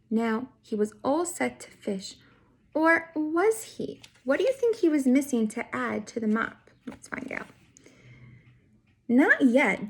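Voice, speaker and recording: A woman's voice: fairly high pitch, breathy edge. A woman reading a picture book aloud to young children as a teacher would, expressively and with questions put straight to the listeners. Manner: addresses young listeners directly with guiding questions. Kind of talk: children's read-aloud storytelling.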